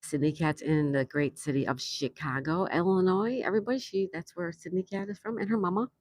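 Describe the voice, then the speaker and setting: On the low side and a little fast, the voice of this older New York woman is slightly mellow, recorded with clean studio sound and no echo. She hosts a relaxed patio livestream, reading out viewers' comments and laughing often.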